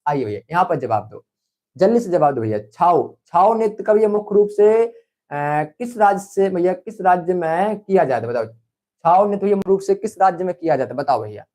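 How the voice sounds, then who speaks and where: Young male online tutor, high-pitched, repetitive and coaxing, quizzing a live class. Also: animated, a little fast, a little mellow. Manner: coaxing, repetitive, calls students brother. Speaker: online exam-prep teacher.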